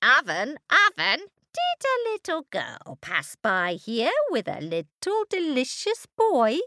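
A woman's voice: high-pitched, wildly swooping pitch, slow pace, pushed and bright, dry recording, clean studio sound, pitched above the performer's own voice, exaggerated voice. Baba Yaga, a woman doing a screeching old witch. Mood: demanding. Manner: shrieking, crooning.

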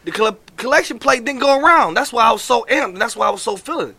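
A man's voice: very high voice, lively intonation, fast talker, gravelly, bright, forceful tone. A man chatting and telling stories casually, in an emphatic, repetitive, slangy way. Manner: emphatic, repetitive, says "bro" constantly. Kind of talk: casual chat and storytelling.

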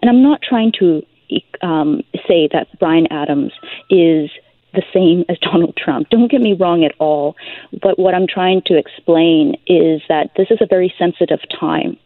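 A Canadian woman, a politician, speaking in a measured, earnest way as a guest on a radio talk show over the phone. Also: lowish voice, no echo. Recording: tinny phone line.

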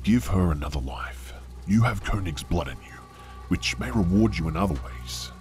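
A man voicing a sinister painted shadow creature that coaxes in a hushed, breathy whisper in a horror story, with faint music behind. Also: deep voice, lively intonation, normal speed, pitched above the performer's own voice. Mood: coaxing whisper.

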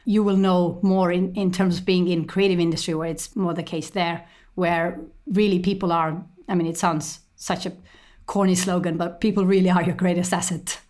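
A woman in her thirties, raised in Estonia, answers interview questions in a steady, articulate manner, pausing on small ums and repeated words. Her voice sits a little on the low side. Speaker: guest, company executive. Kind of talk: conversational interview.

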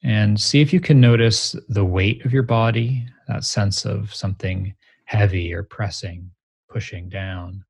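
A man leading a guided grounding meditation exercise, giving gentle, measured instructions in short phrases with pauses between them. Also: fairly low pitch, steady tone, slightly rough, no echo. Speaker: meditation teacher, interview guest.

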